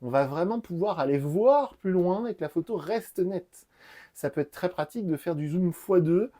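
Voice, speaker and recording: A man's voice: sits high, expressive, moderate pace, warm tone. A middle-aged man, a former phone salesman, explaining in a casual, chatty way and repeating his key points. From France. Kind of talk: casual buying-guide explainer. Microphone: lapel mic.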